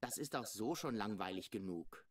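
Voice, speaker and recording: A man's voice: fairly low pitch, expressive, normal speed. A man voicing a cocky, casual young hero in an adventure video game, with a flippant manner. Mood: offhand. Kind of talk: video game character acting. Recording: music behind the voice.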